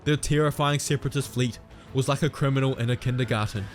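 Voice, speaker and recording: A man giving steady, dramatic scripted storytelling narration. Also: mid-range voice, fast, soft background music.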